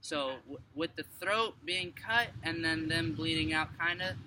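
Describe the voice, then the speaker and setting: A man's voice: a little high, measured pace. A man from Morocco in a casual street conversation, rambling with many fillers and restarts. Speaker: passerby sharing his view. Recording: distant mic with background noise.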